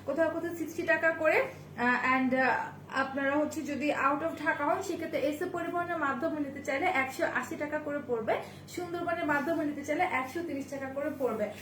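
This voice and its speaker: A woman from Bangladesh with a high-pitched, fairly bright voice hosts a live sales stream, greeting each viewer by name. She sells from an indoor shop with bags displayed behind her. The room is echoey, with faint ambience and slight background noise.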